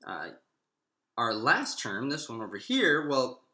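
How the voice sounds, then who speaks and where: A math instructor gives an informal lecture, talking through each step and asking himself questions as he goes. His mid-range voice swings hugely in pitch, and he speaks slowly in a bright, forceful tone. The recording sounds echoey and roomy.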